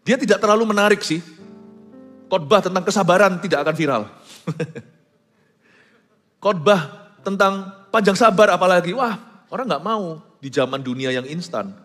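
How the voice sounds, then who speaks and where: A male pastor preaches in a high, animated voice, mixing English phrases into his sermon with joking asides. His voice rings through a large hall with a long reverb, and faint music plays underneath. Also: a little fast.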